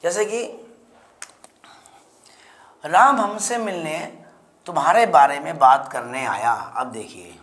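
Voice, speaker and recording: Indian man, english teacher, slow and repetitive, drawn-out explaining, checks in often. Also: a little high, fairly bright tone. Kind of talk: spoken English lesson in Hindi.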